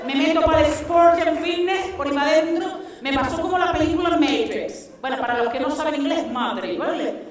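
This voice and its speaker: A middle-aged woman with a Canarian Spanish accent performing stand-up comedy, telling stories in an animated, earthy, blunt way and acting out exchanges. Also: high voice, brisk. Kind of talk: stand-up comedy monologue to a live audience. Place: theatre stage, indoors. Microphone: headset microphone. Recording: echoey hall, distant stage sound.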